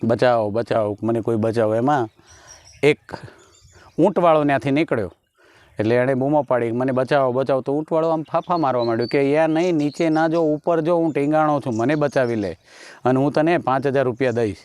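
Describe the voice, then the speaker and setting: A man's voice: on the high side, brisk, a little mellow, clear, resonant tone, no room sound. A man, a stand-up comedian, telling folk jokes in a rustic dialect and acting out each character in the story.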